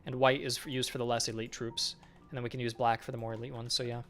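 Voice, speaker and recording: A man talks through his work on a live developer stream in a relaxed, easygoing way, thinking aloud and asking viewers what to do next. His voice sits at an ordinary middle pitch, and faint music plays behind him. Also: fast. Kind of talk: casual live-stream chat while working.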